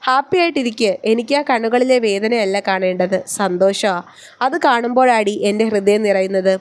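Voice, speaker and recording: A woman voicing a firm, protective young husband in a read-aloud story, speaking calmly and steadily. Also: mid-range voice, normal speed, natural voice.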